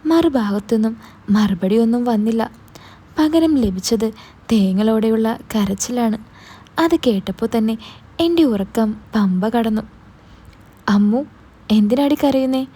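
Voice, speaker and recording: A woman telling an emotional story in the first person, in a calm and measured way. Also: a little high, husky.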